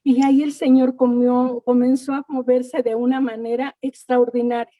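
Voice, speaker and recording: A woman's voice: high voice, level tone, moderate pace, dark tone, no echo. A middle-aged woman giving an earnest church testimony, often repeating words and thanking God. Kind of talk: personal faith testimony.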